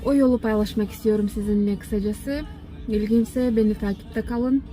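Mellow, even-toned woman from Kyrgyzstan, halting speech. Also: mid-range voice, faint music behind. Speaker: vlogger. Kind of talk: casual talk to followers.

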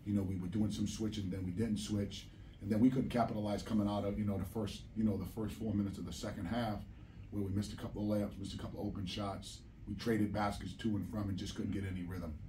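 Sitting at a press room table for a postgame presser, a middle-aged basketball coach replies quickly and bluntly, repeating phrases to hammer his points home. His low, mellow voice stays flat. There's a table microphone, yet the recording comes from a distant camera, leaving it remote and slightly noisy.

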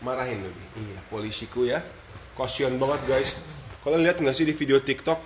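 Dog owner hosting a live stream: coos baby talk at his pets, then chats to viewers, with steady background noise. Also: mid-range voice, moderate pace. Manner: switches between cooing baby talk to his dogs and chatty asides to viewers. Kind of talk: casual live stream chat.

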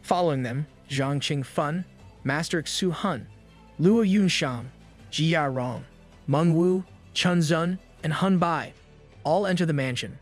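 A man reading a scripted manga recap, brisk and steady, with the odd dry joke. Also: on the high side. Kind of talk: scripted narration. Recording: narration over background music.

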